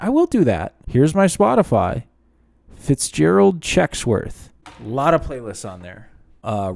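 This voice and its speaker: A man in his late twenties, speaking at a middle pitch, chats through viewers' questions in a loose, rambling way. He restarts sentences often and pokes fun at himself as he goes. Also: vocal fry, a little mellow. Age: late 20s. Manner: rambling, self-deprecating, conversational with restarts. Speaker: channel host. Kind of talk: casual Q and A vlog.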